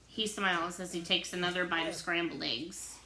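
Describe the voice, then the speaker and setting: A woman, a teacher, reading a novel aloud in an expressive storybook manner, in a roomy-sounding recording. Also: lowish voice, normal speed, noisy background. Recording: roomy echo.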